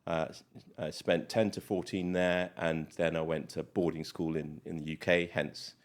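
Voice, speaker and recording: Middle-aged British man, very low voice, chatty interview guest, lots of fillers. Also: flat delivery, moderate pace. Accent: British English. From Malawi. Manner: chatty, many fillers, rambling. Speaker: guest doctor. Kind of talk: casual interview chat.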